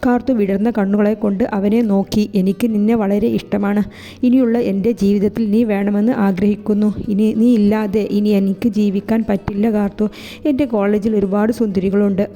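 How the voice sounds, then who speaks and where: A woman narrates a romantic novel in a soft, even storytelling voice, doing all the characters herself. Her tone is deeply mellow and dark, at a middle pitch. The reading sits in a long reverb with quiet music underneath.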